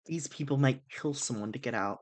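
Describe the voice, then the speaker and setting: A man's voice: mid-range voice, a little fast. A man reading a visual novel game aloud as dramatic narration, with casual asides. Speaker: amateur voice reader of a visual novel. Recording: music behind the voice.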